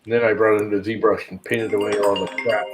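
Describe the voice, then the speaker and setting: A man's voice: on the low side, flat delivery, quick pace, over music, low-quality recording. A man chatting casually on a stream, rambling and searching for his words. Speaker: guest on a stream. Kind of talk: casual chat.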